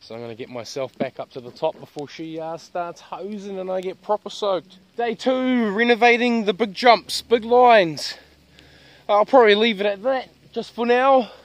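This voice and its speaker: A chatty, laid-back man, filming himself outdoors in a rural yard. His voice sits a bit high, and he talks in an easygoing, casual way straight into a camera held at arm's length. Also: moderate pace, dry recording. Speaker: vlogger building dirt jumps. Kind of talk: casual vlog narration.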